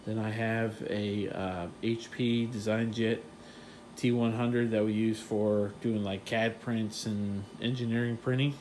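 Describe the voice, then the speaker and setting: Indoors at his print shop, the owner walks through the offices and warehouse filming on his phone, giving a casual tour of the equipment. His explanations are relaxed and technical with frequent fillers, delivered in a lowish, unhurried voice against background noise.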